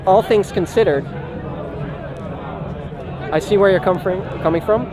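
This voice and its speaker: Male debate participant, slightly high voice, informal, halting and reflective delivery. Recorded outdoors with clear crowd chatter. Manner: halting, searching for words, repeats phrases. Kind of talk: informal philosophical discussion. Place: outdoors in a busy public park.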